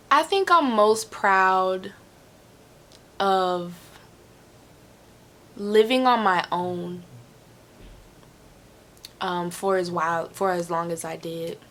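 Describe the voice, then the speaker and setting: A woman's voice: mid-range voice, a bit bright. A woman answering viewer questions in a casual, candid way, repeating phrases for emphasis and swearing freely. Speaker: host of a Q&A.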